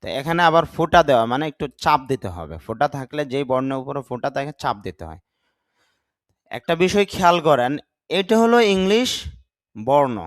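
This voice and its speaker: A man's voice: mid-range voice, no room sound. A man teaching English vocabulary to learners, saying each word, repeating it, spelling it out and explaining how to pronounce it correctly. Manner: slow, deliberate, repeats words and spells them out. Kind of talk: vocabulary lesson with pronunciation drills.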